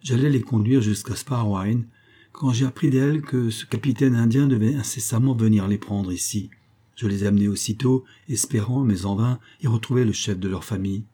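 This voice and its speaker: A man playing a smooth gray-bearded priest. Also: fairly low pitch, dark tone. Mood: earnest. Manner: measured, polite, pleading.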